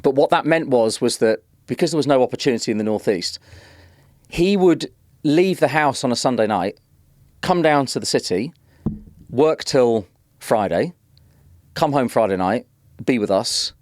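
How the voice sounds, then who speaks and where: Guy in his 40s from northeast england, animated rambly storyteller, mid voice, dead dry studio sound. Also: medium pitch, normal speed, no room sound. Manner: animated, rambling anecdotes with many restarts. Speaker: guest, drum and bass producer. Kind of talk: casual storytelling. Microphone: podcast studio mic.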